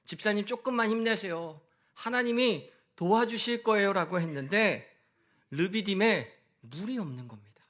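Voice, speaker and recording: Brief: high-voiced man preaching a lively sermon straight to his congregation. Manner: animated, shifts between hushed and raised voice; addresses the congregation directly. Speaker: pastor.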